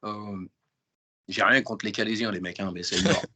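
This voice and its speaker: There's a little hiss or hum behind this man's lowish voice, which moves at a moderate pace. As an interview guest he chats casually in slang, emphatic and lively, repeatedly restarting and doubling up on words.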